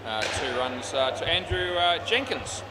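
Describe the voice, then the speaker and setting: In a noisy indoor sports hall full of bouncing balls, an Australian-accented man gives casual, laconic, matey amateur commentary and umpire calls for indoor cricket. His fairly high voice is expressive and measured in pace.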